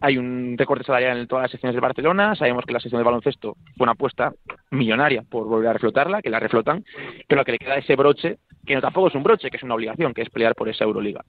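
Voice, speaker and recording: Fast-talking man on a tinny phone line. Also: mid-range voice. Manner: rapid, emphatic, repeats phrases while building points. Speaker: sports pundit. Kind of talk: radio sports debate.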